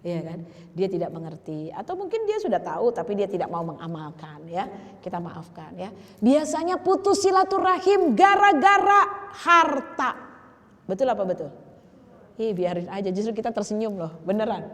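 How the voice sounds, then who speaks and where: A woman's voice: medium pitch, very animated, moderate pace, fairly bright tone, big-room sound. An older woman giving a chatty, teasing sermon to a women's group, slipping in Arabic phrases and slang. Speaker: preacher.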